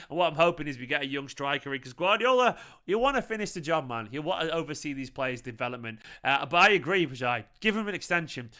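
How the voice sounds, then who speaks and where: Excitable Mancunian man, bright and clear. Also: medium pitch. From Manchester, England. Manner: excitable, sweary, chatty with viewers. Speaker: football fan channel host. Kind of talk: live post-match reaction stream reading chat.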